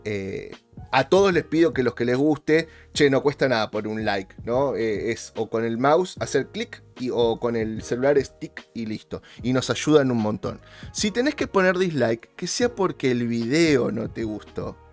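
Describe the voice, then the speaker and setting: Male YouTuber, Rioplatense Spanish accent, mid-pitched, casual persuasive monologue to viewers, faint music bed. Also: lively intonation, unhurried. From Argentina. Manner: talks straight to viewers, persuasive, pitch jumps up for emphasis. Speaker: YouTuber host.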